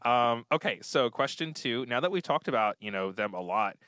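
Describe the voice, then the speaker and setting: A man's voice: mid-range voice, lively intonation, moderate pace, fairly bright tone, clean tone, no echo. A man in his thirties hosting a casual interview, effusive and chatty, full of fillers and restarts. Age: 30s. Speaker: podcast host.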